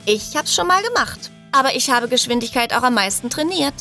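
A woman voicing Cassandra, an excitable speedy young superhero woman in an audiobook. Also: high-pitched, brisk, faint music behind, pitched above the performer's own voice, full character voice. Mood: eager.

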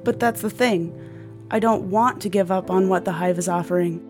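A man's voice: sits high, normal speed, pitched above the performer's own voice, lightly acted. Man doing a young woman, flustered, earnest, raised voice, storybook reading, faint music behind. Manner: flustered, pleading.

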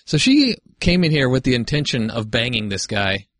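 A man's voice: medium pitch, normal speed, no room sound, studio quality. A man co-hosting a podcast, talking casually and swearing freely during a movie commentary. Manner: relaxed, chatty, swears freely. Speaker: podcast co-host.

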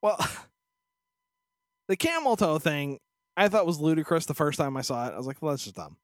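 Guy podcast host, kinda high voice, super animated, crude jokes, close dry sound. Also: unhurried, dry recording. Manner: irreverent, crude joking with acted-out quotes. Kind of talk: casual comedic chat.

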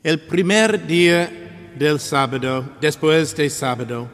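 A man reading scripture as a priest, in a solemn, measured and deliberate liturgical manner with pauses. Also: on the high side, fairly bright tone. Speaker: priest reading the Gospel at Mass. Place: large reverberant church. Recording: long church-like reverberation.

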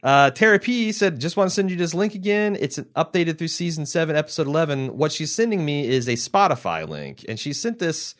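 A man's voice: on the high side, animated, fairly quick, hardly any pauses, fairly bright tone. A man co-hosting a podcast, reading listener mail and retelling a TV scene in casual, conversational chat. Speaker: podcast co-host.

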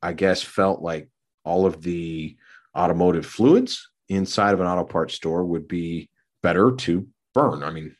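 A middle-aged man tells a rambling story on his podcast, stopping for fillers and restarting his sentences. His voice sits very low. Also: measured pace. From Minneapolis area. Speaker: podcast co-host. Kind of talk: casual storytelling.

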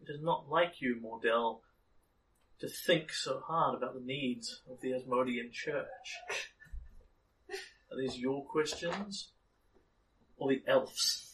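A man plays a proud, disdainful noblewoman in a tabletop game. The delivery is formal and measured, full of condescension. It is picked up at some distance from the mic, with faint noise. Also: medium pitch, a bit bright. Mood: cold, dismissive. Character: haughty noblewoman, disdainful, proud of her lineage.

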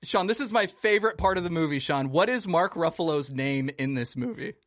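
A man's voice: a little high, expressive, a little fast, a bit bright. A man hosting a casual panel chat in a jokey, sweary, conversational way. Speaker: podcast host.

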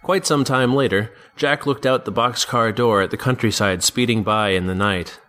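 A man, the podcast's author, narrating his own story in a dry, deadpan manner. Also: mid-range voice, moderate pace.

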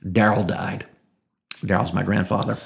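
Young man, very low voice, gravelly, earnest, casual storytelling. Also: level tone, normal speed. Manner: earnest, quietly emotional storytelling. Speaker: guest telling a personal story.

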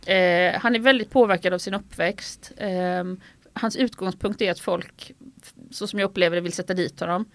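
A woman's voice: on the low side, no echo. A middle-aged woman from Sweden, a sports journalist speaking frankly and animatedly as an interview guest. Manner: forthright and animated, tells anecdotes. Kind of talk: interview conversation.

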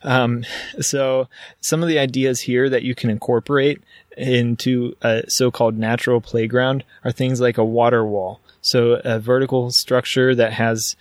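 A man's voice: medium pitch, level tone, unhurried, no room sound. Man, podcast host, eager rambling talk, dry close sound. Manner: enthusiastic, rambling with fillers. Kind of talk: casual solo podcast talk.

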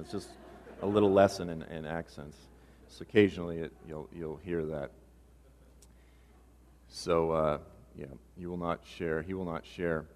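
Pastor with a low voice in a reverberant church. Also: male voice. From Boston area. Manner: casual, joking asides. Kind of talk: sermon. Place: church sanctuary.

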